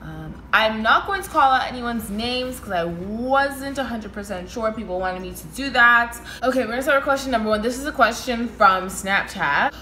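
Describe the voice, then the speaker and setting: A woman's voice: on the high side, expressive, moderate pace, few pauses, sharp tone, echoey room, slight background noise, rough recording. A young woman from Canada with a Toronto accent, answering viewer questions in a casual, chatty vlog and laughing often. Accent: Toronto Canadian English. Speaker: vlogger.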